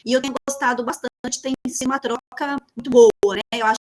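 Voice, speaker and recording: Brazilian course facilitator, bright-pitched, friendly host on a call. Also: female voice, steady tone, fairly quick, rough recording. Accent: Brazilian Portuguese. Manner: warm welcoming, many tag questions. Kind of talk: hosting online class.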